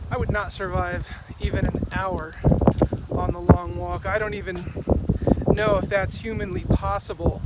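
A man in his forties walking along a rural road, filming himself on a phone held at arm's length and chatting in a rambling, self-correcting way between passages he reads from a book. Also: high voice. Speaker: vlogger. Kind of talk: walking vlog with book reading. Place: outdoors on a rural roadside. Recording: loud wind noise on phone mic. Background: wind and passing vehicles.

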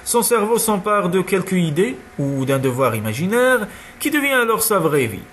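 A man's voice: sits high, big pitch swings, normal speed, a bit bright, a little hiss or hum. A breezy stout old father, read by a man. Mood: breezy lecturing. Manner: easygoing, lecturing, chuckling. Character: jovial stout elderly father, dismissive.

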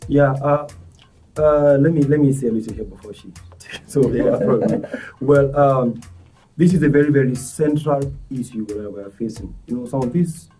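A man, a charity volunteer speaking as a guest in earnest, halting talk full of restarts. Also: medium pitch, dark tone. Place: studio set. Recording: distant mic, faint music behind.

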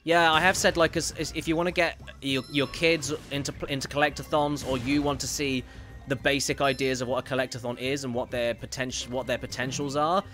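Brief: male streamer, mid-pitched, loose rambling game commentary. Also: steady tone, a little fast, bright, forceful tone, faint music behind. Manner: rambling, self-correcting, reads viewer messages aloud. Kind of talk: casual gameplay commentary.

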